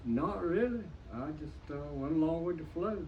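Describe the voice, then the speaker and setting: An elderly American man, a veteran remembering his service in an interview in a plain-spoken, halting, folksy way. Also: a little high, lively intonation. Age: 90s. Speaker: WWII veteran being interviewed. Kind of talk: interview reminiscence. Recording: dull lo-fi sound with faint noise, distant mic.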